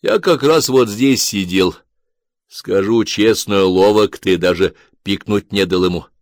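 A man reading a story and voicing a calm, grey-haired older soldier who speaks with steady, dry irony. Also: on the low side, a little slow, dry recording. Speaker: corporal in a war story. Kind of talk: audiobook character voice.

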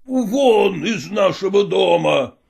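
A woman reading a storybook, voicing an enraged old male nobleman who blusters and shouts. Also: medium pitch, expressive, takes it slowly, vocal fry, husky, voice pushed down, exaggerated voice. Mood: furious.

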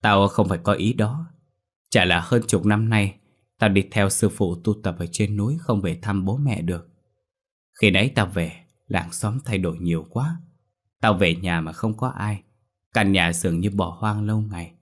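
A man's voice: on the low side, normal speed, lightly acted. A man voicing a young male exorcist in his thirties, anxious and blunt, in a storybook reading. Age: 30s.

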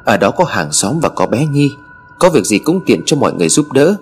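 A man voicing a worried husband speaking slowly and soothingly in a narrated ghost story. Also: medium pitch, big pitch swings, faint music behind, close to an everyday voice. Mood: reassuring. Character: worried husband, calm and reassuring.

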